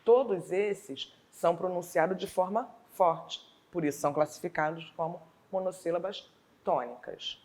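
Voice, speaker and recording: Patient teacher woman, slightly low voice. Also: a little mellow. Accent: Rio de Janeiro Portuguese. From Brazil. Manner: slow, deliberate syllable-by-syllable explanation. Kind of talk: online school lesson.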